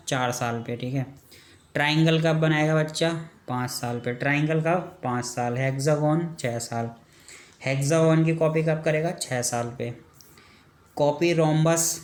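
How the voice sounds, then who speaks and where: A man giving an exam-prep medical lecture. He asks each question, answers it, then repeats it to drill it in, closing points with a quick check. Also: a little high, darkish tone, roomy sound. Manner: ends points with a checking "ठीक है".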